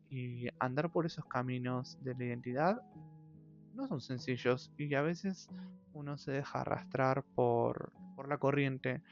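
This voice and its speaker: A gravelly, medium-pitched Argentine man, a channel host, muses aloud in a reflective personal monologue with an Argentine Spanish accent. He sounds thoughtful and hesitant, stretching out many fillers, and the lo-fi audio is dull with faint music in the background.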